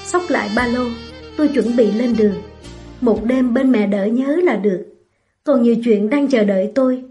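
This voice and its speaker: A woman reading a first-person story aloud in a slow, melancholy way. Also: a little high, warm tone, soft background music.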